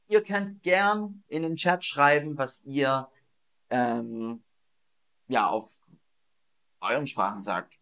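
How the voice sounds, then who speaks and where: A man teaching German in a livestream, repeating questions slowly and playfully acting out sound words for his viewers. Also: fairly high pitch, a bit bright. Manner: slow, drawn-out teaching delivery with repeated questions. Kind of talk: livestreamed language lesson. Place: Berlin.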